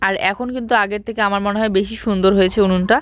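A young woman, narrating her family vlog to viewers in a relaxed, casual way. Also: medium pitch, rapid-fire, no room sound. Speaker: family vlogger and mother.

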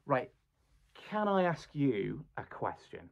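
A man's voice: medium pitch, big pitch swings, vocal fry. Stammering man on lo-fi audio. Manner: halting, stammering delivery. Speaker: guest in comedy skit. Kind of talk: comedy skit. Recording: lo-fi muffled recording.

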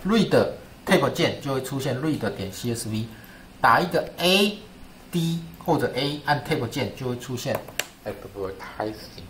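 A man's voice: mid-range voice, animated, unhurried, a bit bright, slight background noise. Male lecturer, chatty and repetitive, roomy classroom sound. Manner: chatty, repeats himself, asks "right?". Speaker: statistics lecturer. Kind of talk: classroom screen-share lesson.

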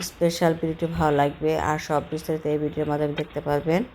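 A woman in her thirties from Bangladesh walks and talks to her phone in a low, fairly flat voice, her throat still recovering from soreness. She rambles chattily, full of fillers and restarts. Faint outdoor noise sits behind her. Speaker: vlogger. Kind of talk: casual walking vlog narration. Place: outdoors on a city street.

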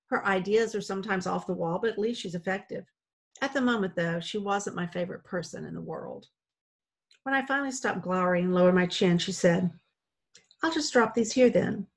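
A woman reading a children's novel aloud in a plain, steady storytelling way. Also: medium pitch. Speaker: audiobook reader.

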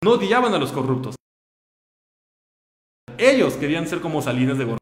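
A man's voice: a little high, very animated, fairly quick, reverberant. A man with a Mexican accent hosting a live online show, ranting indignantly in casual slangy speech. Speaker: online radio show host. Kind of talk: casual live-stream commentary.

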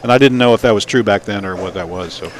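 Chatty bowling commentator, low voice. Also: male voice, fast talker. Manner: chatty, calls shots between banter. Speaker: play-by-play commentator. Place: bowling center. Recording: live broadcast with crowd behind. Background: crowd and bowling noise.

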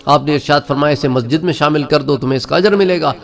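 Gravelly-voiced man giving an Islamic lecture. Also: a little high. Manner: storytelling delivery with quoted speech and Quranic recitation. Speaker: religious lecturer.

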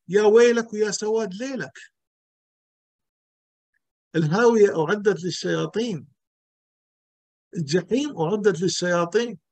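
A man's voice: high voice, a little mellow, no room sound. A male pastor, teaching an emphatic sermon full of rhetorical questions and repetition.

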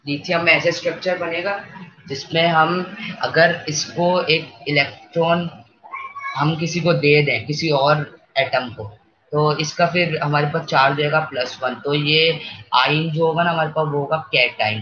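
A man's voice: a little high, steady tone, moderate pace, sharp tone. A man giving a physics lecture, repeating key words and often checking "okay?" with the class. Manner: repetitive, checks understanding with frequent "okay?". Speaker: physics teacher. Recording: dull lo-fi with faint background noise.

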